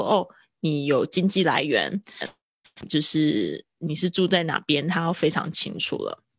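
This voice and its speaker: A woman's voice: low-pitched, gravelly, no room sound. Chatty woman teaching English. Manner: chatty, explains patiently, laughs often. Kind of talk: live-streamed English lesson.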